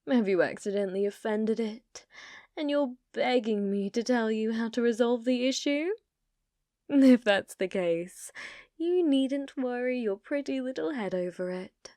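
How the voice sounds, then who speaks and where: A woman's voice: on the high side, animated, mellow, no room sound. An ancient, possessive yokai woman, acted by a female performer for an ASMR roleplay, speaks very unhurriedly in a dry, close sound. She is coy and dominant, teasing her listener with sweetness that carries menace, often sinking toward a whisper. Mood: indulgent, protective. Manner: slow, teasing, intimate, often dropping to a whisper.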